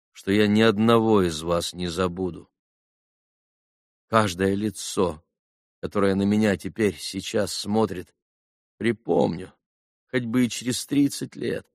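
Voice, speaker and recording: Audiobook: man reading a sincere young speaker, low voice, dry close sound, earnest and heartfelt. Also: no echo. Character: earnest young man addressing boys at a graveside.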